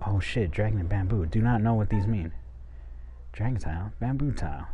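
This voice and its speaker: A man's voice: lowish voice, brisk, phone-quality sound, a little hiss or hum. A man giving casual, muttered and sweary commentary while streaming a game playthrough. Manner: profane, muttering reactions. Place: indoor room, streaming webcam. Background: game music.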